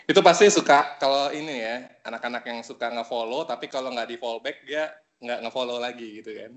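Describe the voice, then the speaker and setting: A man's voice: medium pitch, fairly bright tone. A man, joking around in a casual chat. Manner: joking, quick interjections.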